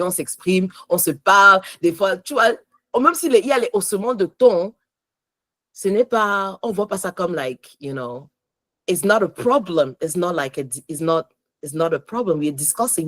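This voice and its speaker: Woman, devotional teacher, passionate, mixes French and English, husky, lowish voice. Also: lively intonation, normal speed, dry recording.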